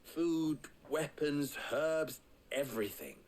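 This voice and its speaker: An actor in a video game playing a formal, dryly sardonic leader who speaks in measured sentences. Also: male voice, fairly high pitch, sing-song, rough recording. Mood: wry.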